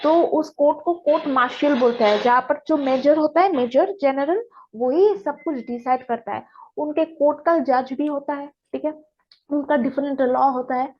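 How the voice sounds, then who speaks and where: A woman's voice: sits high, moderate pace. A young woman hosting a casual news explainer, checking in with listeners often as she explains. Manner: chatty, frequent "theek hai" check-ins. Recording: dull lo-fi recording.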